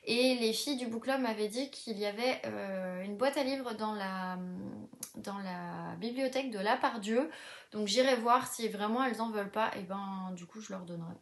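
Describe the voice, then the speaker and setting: A woman's voice: medium pitch, moderate pace. A woman, a book vlogger chatting casually with many fillers and restarts, sometimes reading blurbs aloud. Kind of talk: casual chat, reading back covers aloud.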